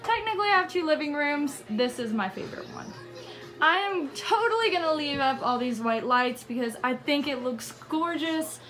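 A woman's voice: high voice, lively intonation, moderate pace, a bit bright, faint music behind. A young woman giving a casual, giggly, self-deprecating house tour, talking into a handheld phone as she walks through a cluttered home at night. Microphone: phone camera held by the walker. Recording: noisy home recording.

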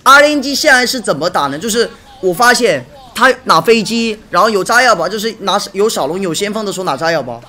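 A young man streaming live, chatting casually while watching a match and thanking viewers for gifts, repeating himself when excited. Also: high-pitched, fast talker, hardly any pauses. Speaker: game streamer.

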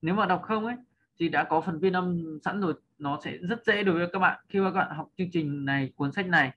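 A man's voice: sits high, fast talker, highs cut off. A man teaching English pronunciation in a patient spoken lesson, often checking in with his listeners and drawing out model sounds for them to repeat. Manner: draws out and lifts model sounds for learners. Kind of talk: spoken lesson explaining over slides.

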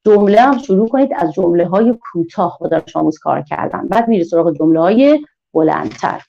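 A woman giving an online teacher-training lecture, drawing words out slowly in a sing-song teaching manner. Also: fairly low pitch, lively intonation, gravelly, highs cut off. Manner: slow, sing-song, drawn-out teaching delivery.

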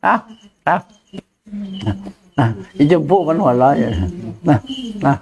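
A man's voice: fairly high pitch, slow pace, vocal fry, highs cut off, a crowd in the background. An older man, a Buddhist monk, giving a blunt, earthy dharma talk to a follower, laughing often. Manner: blunt, crude familiar speech, frequent laughter.

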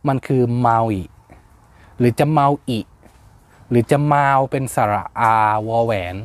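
Slow, hesitant man explaining plant names. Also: medium pitch, no echo. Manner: unhurried, hesitant with fillers, spells words out letter by letter. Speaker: plant channel host. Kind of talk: casual explainer vlog.

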